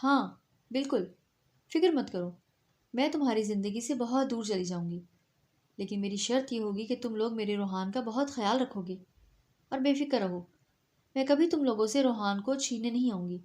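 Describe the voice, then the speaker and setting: Icy detached young wife, flat tone, lightly high, read by a woman. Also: close to an everyday voice. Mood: wry. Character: cold, aloof young wife, flat and mocking. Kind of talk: storybook reading.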